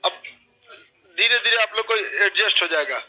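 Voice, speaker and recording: High, bright-voiced man teaching a class. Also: lively intonation, moderate pace, rough recording. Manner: loud, drilling students with call-and-response recitation. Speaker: physics teacher. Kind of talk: classroom lecture. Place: classroom or lecture hall. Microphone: speaker system.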